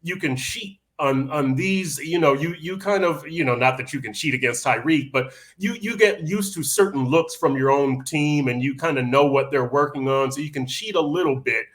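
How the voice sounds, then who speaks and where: A man's voice: a little high, fairly bright tone. A man hosting a sports podcast, talking casually with frequent restarts and fillers. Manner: halting, many restarts and fillers. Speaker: podcast host.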